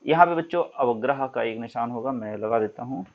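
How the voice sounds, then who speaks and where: A man's voice: medium pitch, a little fast, highs cut off. A man teaching Sanskrit grammar in a classroom style, patiently explaining and drawing out example sounds for students. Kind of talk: classroom lesson.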